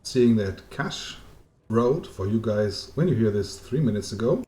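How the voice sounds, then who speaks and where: A man with a German accent commentating a live strategy game as caster, chatty and joking, lifting into excitement on the action. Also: fairly low pitch, unhurried, echoey room. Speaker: esports caster.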